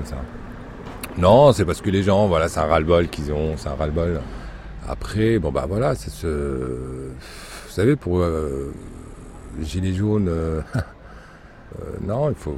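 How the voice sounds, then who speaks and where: Bar owner from Morocco; very low, mellow, measured and wry. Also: male voice, slight background noise. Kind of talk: documentary interview.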